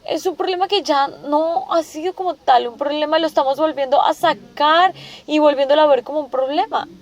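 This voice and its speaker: A woman's voice: high-pitched, a little fast. A woman preaching a sermon, asking rhetorical questions and restating each point several times. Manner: asks the listeners rhetorical questions.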